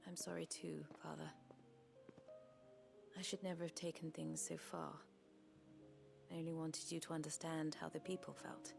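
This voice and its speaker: Sorry noble lady from a game, regretful, low n really creaky, music behind. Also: little pitch movement, moderate pace, long pauses. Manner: regretful, apologetic. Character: regretful noblewoman, contrite daughter of an eminence. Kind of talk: video game voice acting.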